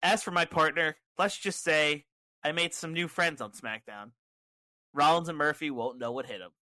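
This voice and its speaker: A man voicing a sore but defiant male wrestler, speaking slow and determined. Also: a little high, pushed and bright, no echo.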